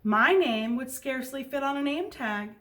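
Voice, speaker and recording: A woman voicing a kindly, proud music teacher from a storybook, with deliberate, emphatic delivery. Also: high voice, expressive, sharp tone. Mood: proud, gentle.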